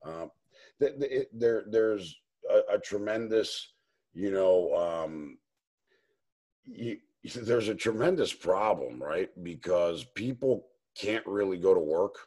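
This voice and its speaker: A man's voice: low-pitched, lively intonation, takes it slowly, a little mellow, slightly rough. A man from Maryland hosting a casual interview, rambling with lots of fillers and restarts. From Maryland, USA. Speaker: host.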